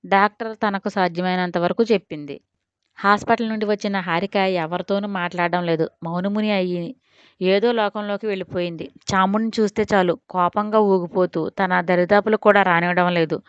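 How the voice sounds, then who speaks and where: A woman narrating a dramatic audio story in an expressive storytelling style. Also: lowish voice, a little fast, clear, resonant tone, dry recording. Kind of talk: scripted narration. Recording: dull lo-fi audio.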